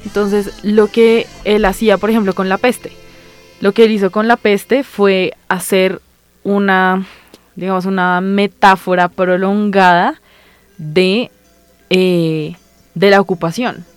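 A woman's voice: mid-range voice, little pitch movement, slow pace, clean tone, no echo, faint music behind. A woman co-hosting a casual talk show, explaining ideas at length with many fillers and hedges. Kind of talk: casual literary discussion.

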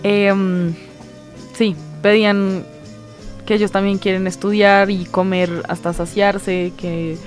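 A woman co-hosts a relaxed talk, explaining points at length and circling back with fillers. Her voice sits mid-range. Faint music plays underneath. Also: medium pitch, takes it slowly. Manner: explanatory, rambling with fillers and hedges. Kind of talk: casual literary discussion.

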